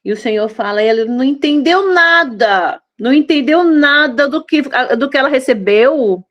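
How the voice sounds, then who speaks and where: Woman, fifties, high voice, tender devotional preaching, intimate and pleading. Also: animated, moderate pace, a bit bright, highs cut off. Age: 50s. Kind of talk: devotional sermon.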